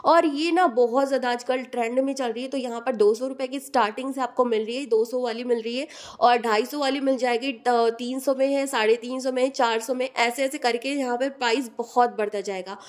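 In her casual market tour narration, this shopping vlogger chats her way around an outdoor street market, reeling off prices in sequence. Her voice is on the high side, steady in tone, and brisk.

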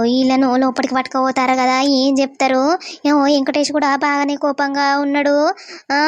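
A woman voicing a frightened village mother, loudly muttering her fears to herself. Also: high voice, no echo, lo-fi sound, lightly acted. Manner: loud fretful muttering to herself.

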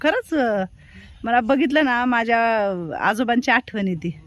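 A woman with a Marathi accent, a caretaker at an old-age home, talking gently and coaxingly with elderly residents and scolding them in a motherly way. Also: a little high, animated, a little slow. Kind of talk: caring talk with elderly residents.

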